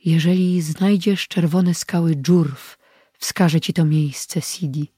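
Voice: mid-range voice, steady tone, slow pace, mellow, slightly rough, no echo, clean studio sound. An audiobook reader voicing a wounded young Berber man who speaks in a weak, faltering voice.

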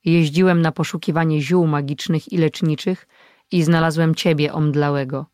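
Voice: medium pitch, steady tone, moderate pace, a little mellow, no room sound, studio quality, natural voice. An audiobook reader voicing an old male healer and sorcerer living in the mountains, who speaks in a commanding, authoritative way.

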